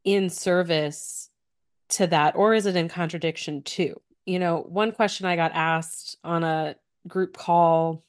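A woman's voice: on the low side, steady tone, measured pace, smooth. A woman co-hosting a podcast and speaking in the earnest, encouraging tone of a business coach. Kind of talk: casual podcast chat.

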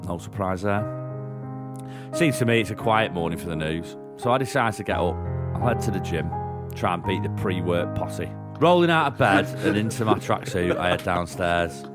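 A man reading a comic story as a streetwise onion, in a deadpan manner. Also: low voice, moderate pace, music in the background. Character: streetwise male onion narrator, gruff.

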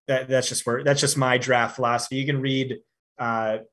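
Man talking fantasy football, halting. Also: mid-range voice, flat delivery, a bit bright. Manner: frequent fillers and repeated starts, confident opinions. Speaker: fantasy football analyst guest. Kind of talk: casual podcast discussion.

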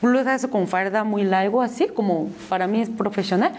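A woman's voice: medium pitch, moderate pace, a little mellow. A young Korean woman with a Korean accent, speaking Spanish as a second language in a casual interview, with many restarts and repeated words. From South Korea. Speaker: interview guest.

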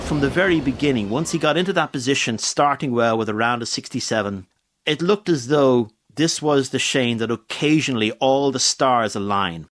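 A man's voice: mid-range voice, normal speed, fairly bright tone. Male sports pundit, reflective analysis, mid-range voice.

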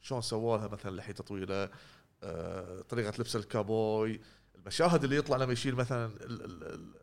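A man's voice: lowish voice, creaky. A man, co-hosting a casual gaming podcast, rambling with many restarts. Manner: fast, rambling, many restarts and trailing words. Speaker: podcast co-host.

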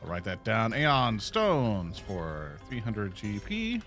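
A man's voice: fairly low pitch, wildly swooping pitch, slow, fairly bright tone. A man talking casually as a player in a tabletop role-playing game. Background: background music.

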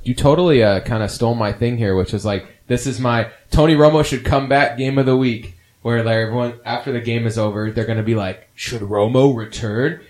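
A man's voice: mid-range voice, steady tone, fairly quick, hardly any pauses, a little mellow. A man hosting a casual football picks chat, rambling and opinionated with many fillers. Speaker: podcast host.

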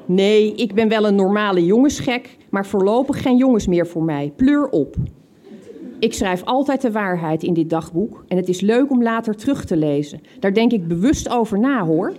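A woman with a soft, mellow voice reads aloud from the diary she kept as a teenager. Her reading is reflective and unhurried, and amused little laughs slip out at her younger self's words. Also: medium pitch, lively intonation.

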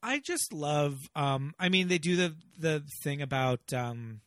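A man's voice: on the high side, expressive, measured pace, a bit bright, no echo. A man in a casual film discussion, rambling conversationally as a podcast panelist.

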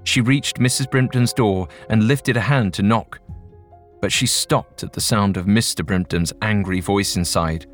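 A man tells a ghost story in a measured, suspenseful manner. His voice sits low and his pace is very slow and deliberate. Faint music plays beneath the narration.

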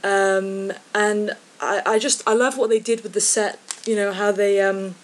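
An Englishwoman from the Midlands talks about films in a loose, casual way. She pauses often and fills the gaps with small filler words. Her pitch sits in the middle range. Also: fairly even intonation. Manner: hesitant, many fillers. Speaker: podcast guest, film journalist. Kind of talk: casual chat.

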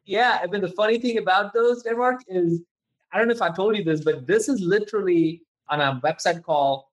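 A podcast host conducts a casual interview, chatting informally and enthusiastically and saying "dude." His voice sits high and moves fairly quickly, and the audio quality is poor.

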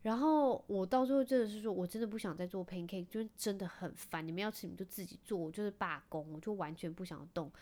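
A woman's voice: mid-range voice, fast talker, hardly any pauses, mellow. A woman in her thirties with a Taiwanese Mandarin accent, chatting casually as a host and telling wry, self-mocking stories about her family. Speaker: podcast host, mother. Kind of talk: casual storytelling chat.

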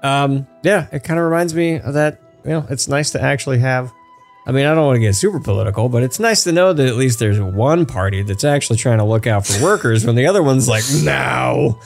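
A man's voice: medium pitch, expressive, fast talker, faint music behind. A man hosting a casual podcast, rambling through news and laughing at his own jokes. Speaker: podcast host.

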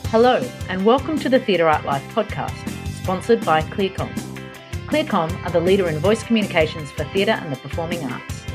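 A woman hosting a podcast, reading a polished, even intro with a sponsor message. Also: fairly low pitch, moderate pace. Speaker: podcast host. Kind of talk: scripted intro with sponsor read. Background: music.

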